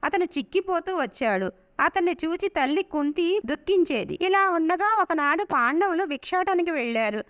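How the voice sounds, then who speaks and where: A woman narrating an epic tale in a steady storybook reading voice. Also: extremely high pitch, moderate pace. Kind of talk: scripted narration.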